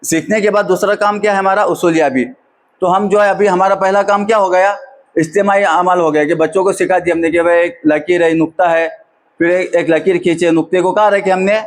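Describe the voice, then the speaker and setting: A high-voiced man drilling a class. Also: steady tone, fairly quick. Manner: patient question-and-answer drilling. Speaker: teacher trainer. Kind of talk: classroom teaching demonstration.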